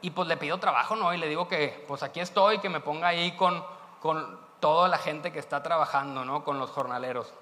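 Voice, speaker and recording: A man's voice: on the high side, brisk, sharp tone. A man with a Mexican accent preaching a sermon in a casual, conversational way, often tagging questions. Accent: Mexican Spanish. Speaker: pastor. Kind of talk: sermon storytelling. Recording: echoey church hall.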